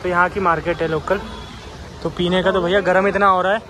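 Walking around an outdoor market, a man vlogs casually in a high, steady voice, speaking a little fast and tending to repeat himself. Busy street noise from crowds and traffic is loud behind him.

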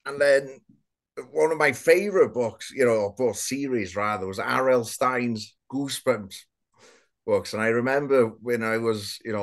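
This guest author is a man in his mid-thirties from North Wales, a native Welsh speaker whose accent blends northern and southern Welsh. He chats casually in a small indoor room during a video call interview, heard at webcam distance, with a medium-pitched voice.

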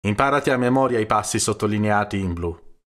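Man reading as a crafty village priest, storybook reading, dry and cutting, bossy, low voice. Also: fairly quick, natural voice. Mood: dry commanding. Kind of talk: audiobook character reading.

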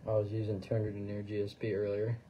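A man chatting casually as he demonstrates fly tying on a livestream, relaxed and full of trailing phrases. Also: fairly low pitch, fast, dull audio, a little hiss or hum. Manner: relaxed, talks while working, fillers and trailing phrases. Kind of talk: casual instructional chat.

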